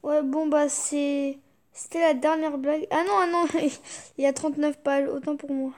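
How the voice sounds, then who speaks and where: A woman's voice: high voice, steady tone, moderate pace, darkish tone. A young woman YouTuber reading jokes aloud, fighting back giggles and muttering reactions between them.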